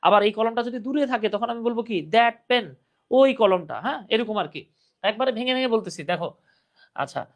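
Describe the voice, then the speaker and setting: Man slowly explaining words to children. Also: very high voice. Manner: slow, word-by-word explaining with repeated questions. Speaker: English teacher. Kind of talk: live online grammar lesson.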